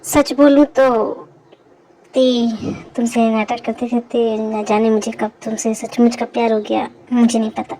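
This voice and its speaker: A woman voicing a remorseful young man in an amateur fan dub, speaking softly and apologetically. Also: fairly high pitch, little pitch movement, a little slow, slight background noise, rough recording.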